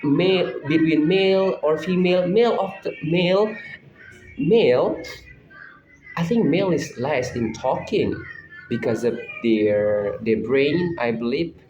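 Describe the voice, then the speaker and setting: A man's voice: a little high, unhurried, a little mellow, faint music behind. A young man with an Indonesian accent casually answering assignment questions, reflective and often restarting his sentences. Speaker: student. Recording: roomy, slightly dull recording.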